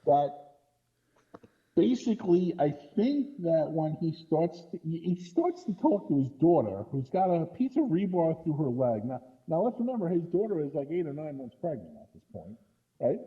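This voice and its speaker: A man with a higher, sing-song voice delivers critical film commentary on a podcast at a normal speed, as co-host or guest critic. He sounds exasperated and keeps tagging his points with "right?", and the audio is dull.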